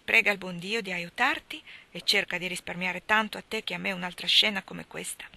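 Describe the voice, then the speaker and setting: A woman's voice: lowish voice, fairly quick, gravelly, sharp tone, heavily acted. Papa Baer, a woman reading a firm schoolmaster. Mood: tender. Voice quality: firm, commanding. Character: stern but tender adult male schoolmaster. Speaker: reader voicing a character. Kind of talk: audiobook dialogue.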